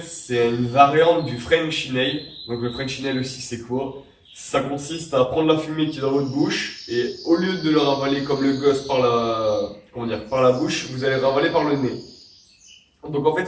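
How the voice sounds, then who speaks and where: This vape tricks tutorial host is a young man with a cold, his mid-range voice carrying a little hiss or hum. He rambles casually through the how-to, restarting often and leaning on fillers, while a distant mic picks him up in an echoey room.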